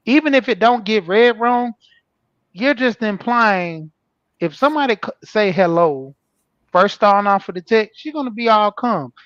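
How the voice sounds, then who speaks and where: A man with a high voice and features tells relaxed stories on a podcast panel, acting out text messages as he goes. The recording sounds dry and slightly dull. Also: normal speed, no room sound. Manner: relaxed storytelling, acts out text exchanges. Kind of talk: casual panel chat.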